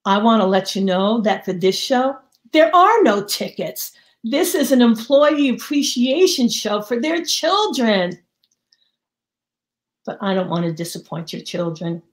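A woman's voice: a little high, very animated, unhurried. A woman voicing a friendly studio doorman who recognizes a regular visitor. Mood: knowing. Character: kindly theater doorman, adult male.

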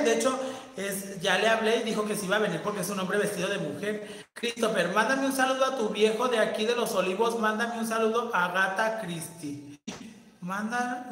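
A man's voice: high-pitched, fairly quick, pushed and bright, a little hiss or hum. A flamboyant, campy man with a Mexican accent, chatting on a livestream and reading out viewer comments. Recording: very echoey room with long reverb.

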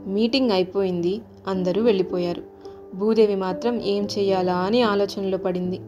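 A woman narrating a children's storybook tale in a calm, expressive manner. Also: medium pitch, moderate pace, lo-fi sound. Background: faint music.

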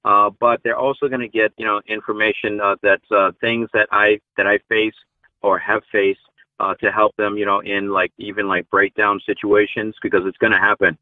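A truck driver in his forties joins a video call as a guest for a casual interview, speaking earnestly and filling his talk with lots of fillers. His voice is on the low side, with a level tone and moderate pace. The audio has no echo but comes through a tinny phone line.

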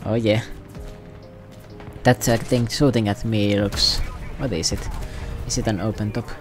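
A man's voice: on the low side, fairly even intonation, measured pace, soft background music. A man giving casual, self-mocking, rambling commentary over his gameplay. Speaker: gaming commentator.

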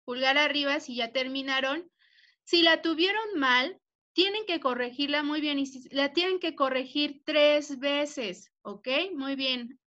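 A woman's voice: high voice, unhurried, sharp tone. A young woman teaching an online primary class. She spells words out patiently, checks in with "ok?" after each point and speaks fondly to the pupils. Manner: affectionate with pupils. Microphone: computer mic on a video call. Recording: dull lo-fi video call audio.

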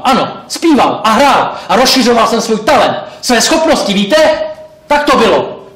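A man playing a talkative, wistful male pig who rambles, corrects himself, speaks straight to the audience and bursts into indignant shouts, on a theatre stage. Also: high-pitched, distant mic. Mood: pleading. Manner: rambling, self-correcting, addresses the audience directly. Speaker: stage actor. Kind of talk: live stage monologue. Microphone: distant room mic. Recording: roomy live stage recording from afar.

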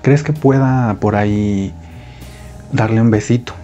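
A man voicing a gentle adult male priest who talks softly and coaxingly. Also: fairly low pitch, fairly even intonation, a little slow, muffled recording, faint music behind, natural voice.

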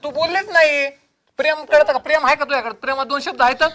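A man's voice: very high voice, quick pace, sharp tone. A young man playing a petulant husband who bosses and whines in a comedy sketch. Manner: whiny, bossy.

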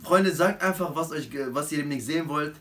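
High-pitched young man, Arabic-accented German. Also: brisk. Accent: Arabic-influenced urban German. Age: 20s. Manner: slangy, exasperated pleading with friends. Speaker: host of a comedy sketch channel. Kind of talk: casual banter to camera with friends. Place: living room sofa. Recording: very noisy home camera recording.

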